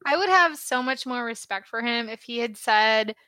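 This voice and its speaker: A woman's voice: a little high, lively intonation, normal speed, bright, forceful tone, clean tone, no echo. A woman in a casual podcast chat, indignant and sarcastic.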